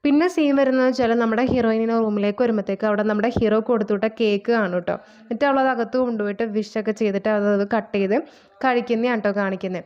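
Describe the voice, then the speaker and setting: A woman races through a drama recap, her fairly high voice tumbling along in an easy, chatty retelling. She peppers her sentences with friendly little asides, and the recording has a dull, lo-fi sound. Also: very fast. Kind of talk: casual plot retelling.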